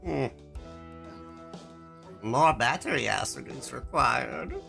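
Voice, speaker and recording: A woman's voice: a bass voice, lively intonation, takes it slowly, vocal fry, pushed and bright, soft background music, voice pushed down, heavily acted. A woman voicing an alien shopkeeper who fakes being human, speaking in a stilted, overly formal way with musing hums. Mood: pompous. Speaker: streamer playing a shop game.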